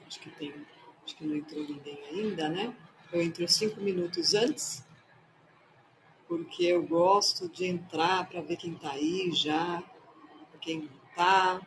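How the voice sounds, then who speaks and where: A playful woman chats casually on her live stream, welcoming viewers by name. She takes her time, speaking slowly and easily, while a faint hum sits behind her voice. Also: on the low side, low-quality recording. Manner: playful, chatty, greets viewers one by one. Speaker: live-stream host and tarot reader.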